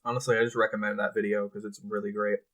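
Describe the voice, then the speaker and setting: Guy cohosting a podcast, kinda low voice, super relaxed, swears a lot. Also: quick pace. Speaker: podcast co-host. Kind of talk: casual chat.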